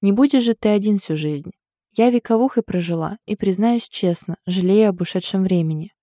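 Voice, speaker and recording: A woman reading the part of an aunt who scolds her nephew with mock outrage but clear affection. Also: medium pitch, a little fast, warm tone, no room sound, clean studio sound, natural voice. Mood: fond scolding. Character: fussy fond older aunt, scolding yet loving.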